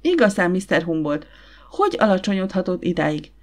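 A woman's voice: on the low side, very animated, darkish tone. A woman reading the part of a spirited, indignant young lady who collects fossils, in an audiobook.

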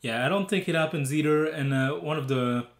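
A man's voice: fairly high pitch, fairly quick. Man, casual film review chat, hesitant with fillers, roomy echo. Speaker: movie review podcast co-host.

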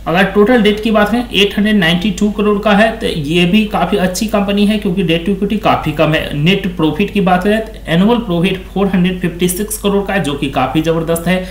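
A stock market video host with a high, light voice talks through company numbers in a screen-share review, chatty and repetitive in his praise, leaning on stock phrases like "quite excellent." He speaks fairly quickly with few pauses, and a desk mic catches the echo of the room.

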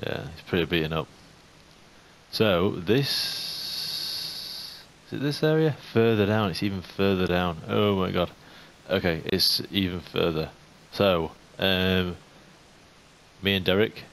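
A young man giving casual game commentary, chatting to the animals in the game and getting jumpy and excitable. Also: low voice, slow pace, vocal fry. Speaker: gaming YouTuber. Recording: faint hiss.

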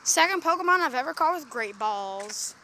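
High bright excitable young woman. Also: normal speed. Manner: excitable, jokey. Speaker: channel host playing a mobile game. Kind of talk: casual chat while walking.

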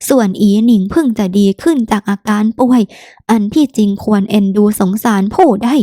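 A woman narrating a novel in a steady, even storytelling manner, close to the mic. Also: medium pitch, brisk, no room sound. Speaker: audiobook narrator.

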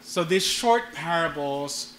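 Unhurried male priest preaching in echoing church. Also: a little high, animated, fairly bright tone. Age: middle-aged. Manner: conversational, checks in with listeners. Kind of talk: informal homily. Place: stone church interior. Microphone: gooseneck microphone at lectern. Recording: echoing church, faint background noise.

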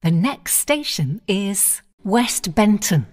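In measured, clipped phrases, a woman makes automated announcements aboard a train, calling out each station one after another. Her medium-pitched voice is a little mellow and very animated.

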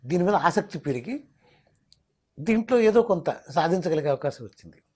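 A man's voice: a little high, expressive, moderate pace, darkish tone, slightly rough. A mimicry artist, explaining his craft in an interview and slipping into demonstration voices. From Telangana, India.

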